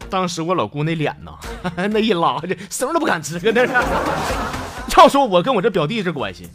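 A man's voice: sits high, sing-song, a little fast, crowd noise. A man with a Northeastern Mandarin accent hosting a comic storytelling show, chatty and laughing at his own jokes. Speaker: host. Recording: music bed behind the voice.

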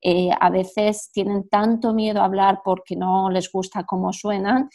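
A woman's voice: mid-range voice, flat delivery, a little slow, warm tone. A woman from Spain hosting a radio interview, a teacher herself, speaking thoughtfully with many hesitations.

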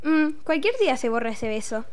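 A woman's voice: sits high, animated, fairly quick. A woman with a Rioplatense Spanish accent playing a teasing, pushy rural suitor in an audio drama. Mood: pushy, playful. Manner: teasing, exclamatory.

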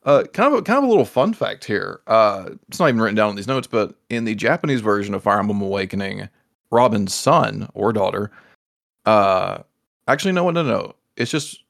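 A man co-hosting a casual video game podcast, talking animatedly and jumping into high excited voices when he quotes himself. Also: normal speed, creaky. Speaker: podcast co-host. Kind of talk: casual podcast chat about video games.

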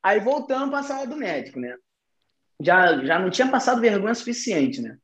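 A young man, telling an anecdote in casual chat, profane and animated. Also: high voice, brisk. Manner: profane, animated, slangy storytelling. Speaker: podcast storyteller.

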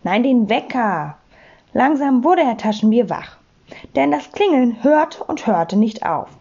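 A woman narrating a children's story audiobook with lively storytelling. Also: high-pitched, a little slow, lo-fi sound. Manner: lively storytelling, clear phrasing.

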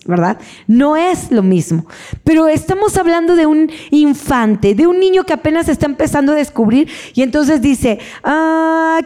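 A woman's voice: high voice, mellow. A woman with a Mexican accent giving a conference talk to parents. She keeps checking in with the audience and briefly acts out parents and children in dialogue. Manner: keeps asking the audience "¿verdad?". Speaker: speaker on parenting.

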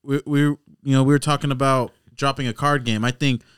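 A young man with a mid-pitched, clean voice banters casually on a podcast. He has a cocky frat-bro way of talking, full of slang, and is recorded dry and close. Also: flat delivery, a little fast, fairly bright tone, smooth, no room sound. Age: young adult. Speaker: podcast host. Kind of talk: casual chat with friends.

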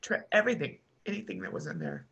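A middle-aged American woman telling a personal story as a podcast guest, halting and restarting often with soft trailing pauses. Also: medium pitch, huge pitch swings, husky. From United States.

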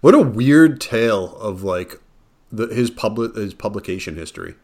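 A man's voice: lowish voice, animated, normal speed, a little mellow. A man co-hosting a casual podcast conversation about books, talking emphatically and repeating words as he builds his points. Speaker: podcast co-host discussing books. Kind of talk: casual chat.

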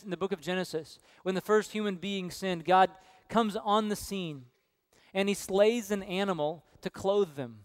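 Guy preaching a sermon, earnest, clean dry sound no room echo. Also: high-pitched. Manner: earnest preaching, storytelling with hushed quoted voices. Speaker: pastor. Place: church sanctuary.

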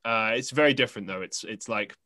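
A man's voice: on the low side, fast talker, bright, forceful tone, no echo. A young man from England, a podcast host telling a story in casual conversation, rambling with many fillers and restarts.

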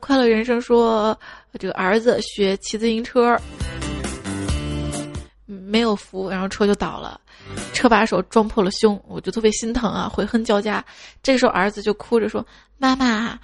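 A woman with a medium-pitched, steady voice at normal speed hosts a radio-style show of funny stories about children, with soft music in the background. She reads playfully and slips into childlike voices for the kids' lines.

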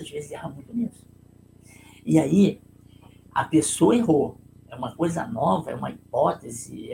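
A Brazilian man with a gravelly, creaky, slightly high voice and a Brazilian Portuguese accent walks through a leadership lesson on a live stream. He tells a story loosely and conversationally, using tag questions to check in with listeners, over a faint hum of room noise.

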